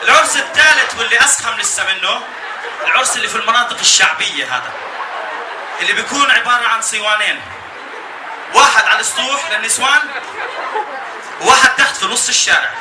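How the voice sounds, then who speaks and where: A man with a Jordanian accent doing stand-up comedy as an animated, escalating rant, telling stories and acting out bits. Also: extremely high pitch, quick pace, long pauses. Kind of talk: stand-up comedy about weddings. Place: live comedy show before an audience. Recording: echoey live venue, distant, noisy laughing crowd.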